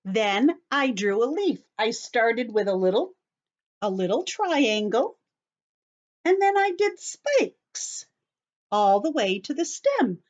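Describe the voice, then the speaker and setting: This is a children's story-time teacher guiding young kids through a craft, one step after another, in simple instructive speech aimed right at them. Her voice is on the high side and sing-song, she speaks at a slow pace, and the audio is dull.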